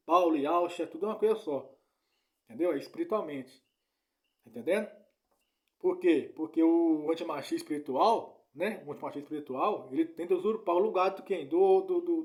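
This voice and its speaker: Male preacher, informal teaching, slightly high, warm tone, repetitive, checks in often. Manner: repetitive, keeps asking "né?" and "entendeu?".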